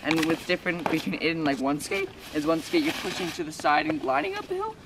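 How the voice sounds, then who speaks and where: A young man walks beginners through ski technique in a relaxed, step-by-step way, with plenty of fillers. His voice sits a little high and is picked up from a distance outdoors, with clear background noise. It sounds like a camera recording on a snowy trail. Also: fast talker. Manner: casual, explains step by step with fillers. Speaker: ski instructor. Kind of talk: outdoor instructional talk.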